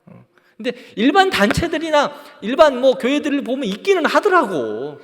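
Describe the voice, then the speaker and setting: A man's voice: extremely high pitch, sing-song, normal speed, long reverb tail. A man preaching a sermon as pastor, fervent and often checking in with his congregation. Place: church sanctuary.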